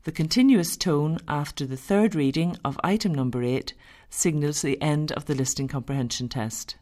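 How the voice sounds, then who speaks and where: A woman reading formal exam instructions in a measured, deliberate way. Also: deep voice, warm tone. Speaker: exam announcer.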